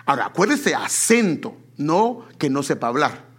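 A man preaching a sermon in an animated way, often calling his listeners beloved brother. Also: a little high, normal speed, slightly rough. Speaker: pastor.

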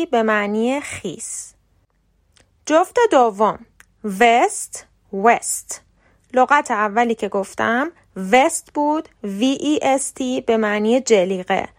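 A woman from Iran hosting a scripted podcast lesson on English pronunciation, speaking clearly and carefully and slowing down to spell out example words. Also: a little high.

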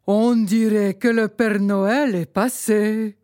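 A woman's voice: mid-range voice, fairly even intonation, slow pace, darkish tone, no room sound, clean studio sound, natural voice. A woman voicing a loving father talking fondly to his little daughter in a storybook reading.

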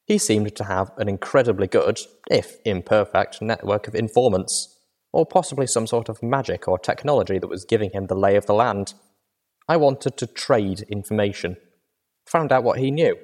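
Low-voiced man reading a story. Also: normal speed, a little mellow. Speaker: audiobook reader. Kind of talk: first-person fan fiction audiobook narration.

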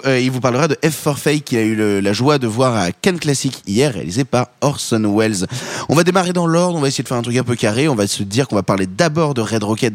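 A man's voice: medium pitch, dry recording. Tired male podcast host, dry sound. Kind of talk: casual film talk show hosting.

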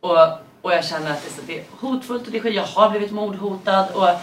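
A woman in relaxed conversation, rambling through stories with lots of fillers and side remarks. She sits a little away from the microphone in an echoing room. A faint noise hangs under her voice. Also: mid-range voice. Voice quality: talkative, digressive with many fillers. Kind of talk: casual chat. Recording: roomy and distant with faint noise.

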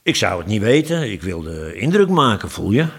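A man voicing a sly, bluffing male dwarf in a storybook, speaking low, offhand and smug. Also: very animated, moderate pace, slightly rough, exaggerated voice. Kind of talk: storybook reading.

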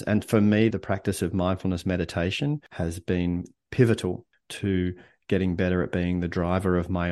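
A man coaching on leadership as a podcast guest, speaking in a calm, reflective, earnest way. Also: deep voice. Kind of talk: casual podcast interview.

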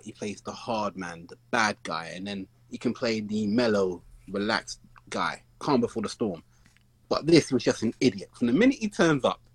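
A man's voice: lowish voice, fairly bright tone, husky, no room sound, rough recording. A man, co-hosting a casual film chat with enthusiasm. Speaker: podcast co-host.

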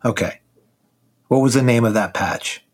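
Actor as a measured male defense attorney questioning. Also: medium pitch, close to an everyday voice. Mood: methodical. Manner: deliberate, short leading questions. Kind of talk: re-enacted direct examination.

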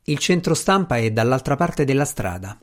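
A man's voice: mid-range voice, very animated, moderate pace, natural voice. A polite young woman tending bar, answering in short, businesslike phrases, as a male narrator lifts his voice a little for her. Her manner is courteous but detached, in an audiobook reading. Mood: polite brisk. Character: young adult woman bartender, brisk and polite.

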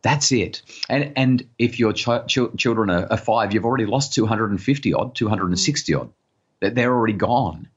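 A man's voice: moderate pace, slightly rough, dull audio. A middle-aged man, a parenting expert, talking earnestly as a podcast guest and often repeating words as he starts sentences. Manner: acts out harried parent voices in higher pitch. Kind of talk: podcast interview conversation.

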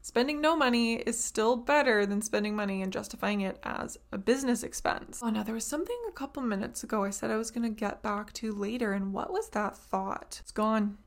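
A woman's voice: a little high, brisk, few pauses. A woman hosting a casual monologue podcast, chatty and rambling, with lots of "like". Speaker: podcast host.

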